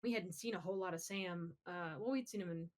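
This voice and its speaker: A podcast co-host speaks fast in a lowish voice, swearing freely as she makes her emphatic points. It's casual, opinionated chatter about pop culture.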